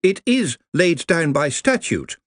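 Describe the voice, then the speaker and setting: A man's voice: a little high, sing-song, takes it slowly, a bit bright, no room sound, studio quality, pitched above the performer's own voice, heavily acted. A man voicing a nervous, pedantic young wizard who speaks precisely and deferentially. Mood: fussy.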